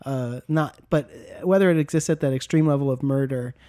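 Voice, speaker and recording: A man's voice: medium pitch, fairly quick, mellow, no echo, studio quality. A man in a casual podcast discussion, hesitant and a little skeptical, trailing off as he thinks. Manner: hesitant, skeptical, laughs easily.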